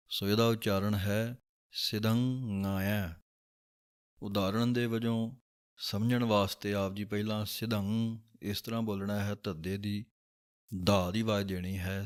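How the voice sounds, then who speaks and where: A man teaching the pronunciation of scripture, explaining calmly and reciting lines slowly. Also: fairly low pitch. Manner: calm, measured, drawing out recited verses.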